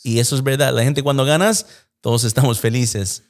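A man's voice: mid-range voice, fairly even intonation, fairly quick. A man giving conversational political analysis in Spanish with occasional English filler words, in a Spanglish manner.

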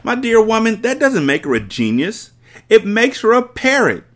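A man reading aloud and voicing a huge, bullying headmistress who barks and shouts with contempt. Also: high-pitched, sing-song, moderate pace, voice pushed up. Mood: bellowing scornful. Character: bullying hulking female headmistress, furious.

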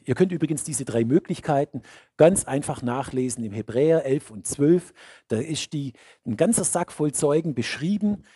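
Husky preacher, swinging loud to hushed. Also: male voice, mid-range voice, no room sound, studio quality. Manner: emphatic, repeats key phrases, swings between loud and hushed. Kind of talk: sermon.

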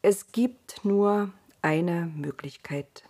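A woman reads God in a children's storybook, a creator who speaks slowly and with gravity. The voice sits low and takes its time over every phrase, stern but gentle underneath. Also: exaggerated voice. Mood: grave.

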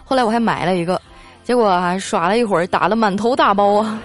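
Reading listener jokes fast on her comic podcast, a woman with a mid-range voice keeps things playful and laughs often. She raises her voice to act out the quoted lines, and light background music plays.

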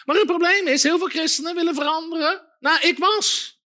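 High, bright-voiced emphatic preacher. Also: male voice, moderate pace. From Netherlands. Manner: emphatic, repetitive, calls for amens. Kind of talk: sermon.

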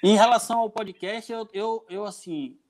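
Brazilian guy w northeastern portuguese accent, kinda high voice, just chatting casually, lots of slang. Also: fairly even intonation, normal speed, a little mellow. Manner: informal, slangy. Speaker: podcaster guest. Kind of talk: casual chat.

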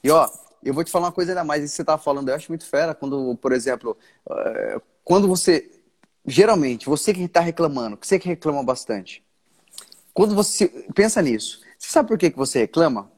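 Husky-voiced Brazilian pastor, earnest. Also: male voice, on the high side, animated, darkish tone. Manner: earnest, restarts often, slows for emphasis. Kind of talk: casual devotional chat.

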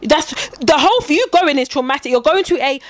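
Fast-talking woman. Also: high-pitched, no echo. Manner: animated, acts out quoted voices. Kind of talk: casual chat.

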